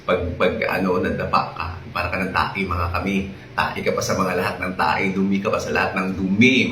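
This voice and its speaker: Filipino guy vlogging, really deep low voice, fired up and chatty, roomy echo. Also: fairly bright tone. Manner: chatty, indignant, repeats tag questions and mixes in English. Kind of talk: casual commentary vlog. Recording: echoey room with faint ambient noise.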